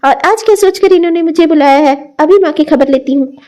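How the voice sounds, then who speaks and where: A woman's voice: sits high, a little fast, mellow, lightly acted. A woman voicing an indignant cartoon mother. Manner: indignant, arguing. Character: middle-aged mother of four daughters, quick-tempered. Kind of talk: cartoon dialogue acting.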